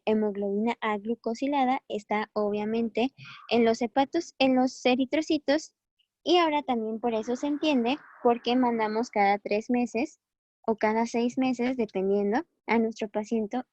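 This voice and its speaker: A woman gives a recorded medical lecture, chatty and encouraging, stopping now and then to correct herself. Her voice sits fairly high. The sound is dry and a little dull, as if from a close, cheap mic. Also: moderate pace, warm tone, no room sound. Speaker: medical teacher.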